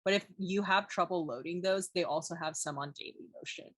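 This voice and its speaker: A woman's voice: on the low side, fairly quick, no echo. A young woman co-hosting a podcast, chatting casually and retelling a story with lots of "like"s and acted-out quotes. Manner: animated storyteller, many "like"s, acts out quotes. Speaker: podcast co-host. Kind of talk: casual chat.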